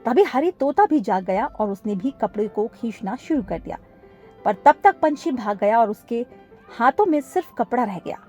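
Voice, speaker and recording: A woman with a fairly high, expressive voice and a darkish tone reads scripted narration for a children's cartoon story at normal speed. Soft music plays behind her.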